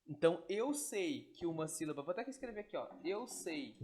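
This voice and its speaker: A man teaching Greek in an online lesson, explaining step by step and checking in with quick tag questions. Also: on the high side, very animated, a little mellow, husky.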